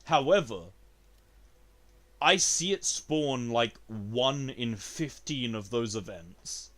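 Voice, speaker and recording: A game streamer casually comments on his gameplay and talks to his chat, swearing freely. His tone is fairly bright, expressive and slow, jumping into high yelps whenever something good or annoying happens.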